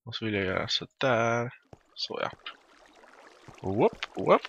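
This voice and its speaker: A young-sounding Swedish man chats through his gameplay in a bright, forward voice. He jokes and hums improvised tunes as he goes. Faint noise sits under the recording. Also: medium pitch, lively intonation, creaky, lo-fi sound. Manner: playful, improvises silly songs and exclamations. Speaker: let's play gamer. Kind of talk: casual gameplay commentary.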